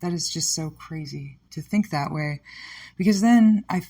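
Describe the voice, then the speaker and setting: A woman's voice: sits low, unhurried, mellow. A woman hosting a personal podcast, talking frankly and reflectively about her own life and questioning herself. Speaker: podcast host. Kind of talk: candid personal podcast monologue.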